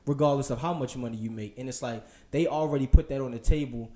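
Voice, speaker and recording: A man's voice: medium pitch, quick pace, echoey room. A man co-hosting a casual podcast, talking earnestly in long rambling turns. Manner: earnest, rambling, many restarts, trails off quietly. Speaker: co-host.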